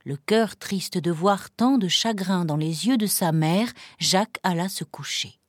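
A woman reading a fairy tale aloud with an expressive storytelling manner. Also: lowish voice, a little slow, no echo, studio quality.

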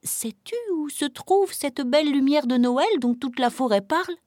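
A woman voicing Velours, a small, timid male forest animal in a storybook, with a high and eager voice. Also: normal speed, darkish tone, no room sound, clean studio sound, close to an everyday voice. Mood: excited.

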